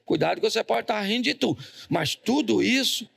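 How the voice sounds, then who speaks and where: A pastor preaching a humorous sermon, joking with the congregation and asking them to answer back. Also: male voice, high voice, expressive, creaky, fairly bright tone, breathy edge. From Brazil. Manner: joking, talks with the congregation, quick asides. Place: church service.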